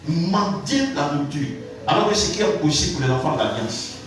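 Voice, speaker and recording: Prédicateur ivoirien, voix aiguë et résonnante. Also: male voice, lively intonation, a little fast, a little hiss or hum. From Côte d'Ivoire. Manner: storytelling with rising exclamations. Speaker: pastor. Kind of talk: sermon. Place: large church hall. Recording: booming echo from a distant mic, faint music.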